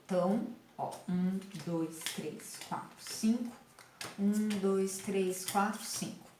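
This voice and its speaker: Woman, literacy teacher, slow careful explainer, middle pitch, talking to her class from home. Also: background noise. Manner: patient, slow, clear word-by-word explaining. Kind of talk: online lesson demonstration.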